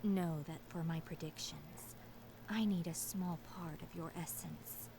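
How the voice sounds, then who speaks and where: Slow, portentous fortune-teller woman. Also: lowish voice, steady tone, creaky, background noise. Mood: solemn, mystical. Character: solemn, cryptic fortune-telling seer woman. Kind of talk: dramatic game voice acting.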